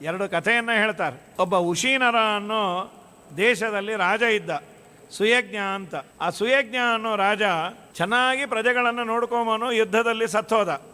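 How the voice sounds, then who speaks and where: A man preaching a devotional sermon with a high, bright, crisp voice. He tells stories and acts out the voices of the people in them. The sound rings with the long reverb of a large hall. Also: normal speed. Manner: storytelling, acts out quoted dialogue; chants scripture verses in melody. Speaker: religious discourse speaker. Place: monastery hall.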